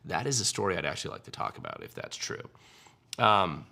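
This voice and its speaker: A low-pitched man with a gravelly, bright edge to his voice answers viewer questions on a livestream. His talk is casual and wry, full of ums and restarts. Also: huge pitch swings, fairly quick. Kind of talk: casual political commentary livestream.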